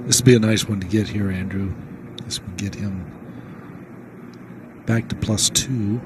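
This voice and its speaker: A man's voice: on the low side, unhurried. A man giving conversational analysis as co-commentator on a live golf broadcast. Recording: steady outdoor background noise.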